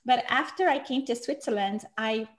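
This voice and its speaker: A woman in her thirties from Romania talks as a guest on a podcast, with a slightly high voice. She speaks in quick bursts, laughs often and keeps checking in with "right?". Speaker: podcast guest, marriage coach. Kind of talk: casual interview chat.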